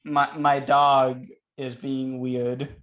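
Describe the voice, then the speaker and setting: A man's voice: medium pitch, flat delivery, drawn-out words, fairly bright tone. A young man co-hosting a casual podcast, trading dry, teasing banter with his friend. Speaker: podcast co-host. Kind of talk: casual chat.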